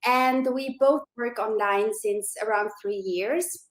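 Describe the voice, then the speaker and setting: A woman's voice: fairly high pitch, slow pace, reverberant. A woman in her forties from Austria, an interview guest on a video call, chatting enthusiastically with many fillers. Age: 40s.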